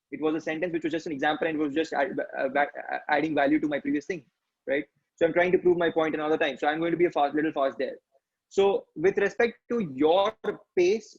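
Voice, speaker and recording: A man with an Indian English accent giving a speech-craft training talk, fast and instructive, often checking in with "right?". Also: a little high, a little mellow, slightly rough, muffled recording. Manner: instructive, fast, frequent tag questions. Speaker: public speaking trainer.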